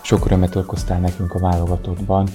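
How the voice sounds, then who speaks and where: A man's voice: low-pitched, monotone, music in the background. A man hosting a podcast, presenting and putting questions to a guest. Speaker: podcast host. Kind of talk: scripted introduction and interview questions.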